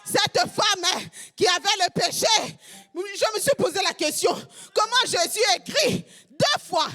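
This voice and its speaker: Woman pastor from Congo, fervent preacher, high voice, repeats lines in half-sung shouts. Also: lively intonation, measured pace, faint music behind. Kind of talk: sermon.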